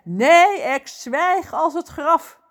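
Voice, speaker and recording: A woman voicing an excitable female mermaid in a storybook, rattling on without pause. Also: very high voice, pitched above the performer's own voice, exaggerated voice. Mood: chattering. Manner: rattling on breathlessly. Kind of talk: storybook character voice.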